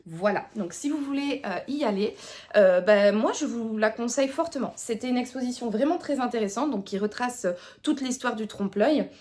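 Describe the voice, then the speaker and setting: Jeune femme de Tournai à l'accent tournaisien, voix assez haute, en vlog lecture décontracté. Elle parle comme à des amis, pleine de « euh » et de « bah », et rit facilement d'elle-même. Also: female voice, fairly high pitch, normal speed, darkish tone. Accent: Tournai Picard (Belgian French). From Tournai, Belgium. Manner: chatty, many fillers and restarts, self-mocking. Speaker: book vlogger. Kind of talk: casual chat to camera.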